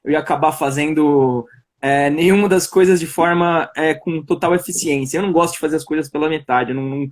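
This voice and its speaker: A man's voice: on the high side, a little fast. Chatty young São Paulo man on a video call. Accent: Paulistano Brazilian Portuguese. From Brazil, São Paulo. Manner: chatty, laughs often, trails off in restarts. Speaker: guest, political pre-candidate. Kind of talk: casual live-stream interview.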